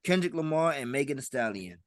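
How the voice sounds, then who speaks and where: A man's voice: mid-range voice, lively intonation, fairly quick, no echo, studio quality. A man in his thirties co-hosting a podcast, chatting casually in loose, profane banter with frequent laughs. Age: 30s. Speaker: podcast co-host. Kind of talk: casual chat.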